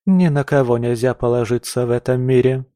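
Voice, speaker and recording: Sex: man. Figure: a man voicing a stern countess mother. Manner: lecturing, raised pitch. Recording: dry. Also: fairly even intonation, fairly quick, dark tone, dry recording, lightly acted. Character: strict aristocratic countess mother, middle-aged woman. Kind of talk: audiobook character voice.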